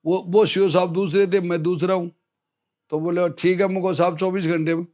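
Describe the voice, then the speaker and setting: A middle-aged Indian army veteran telling a war story as an interview guest, acting out the quoted dialogue. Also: male voice, high-pitched, level tone, moderate pace, a little mellow. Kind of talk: storytelling in casual conversation.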